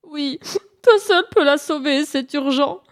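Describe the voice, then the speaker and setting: High, whining storybook hare, sly and lazy, voiced by a woman. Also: fairly even intonation, normal speed. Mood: whiny pleading. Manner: whining and pleading. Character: lazy cunning young male hare, whiny.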